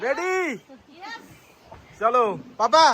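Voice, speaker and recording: A man narrating a casual travel vlog outdoors by a mountain river, chatty and excited as he talks to his viewers. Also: very high voice, very slow. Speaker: travel vlogger.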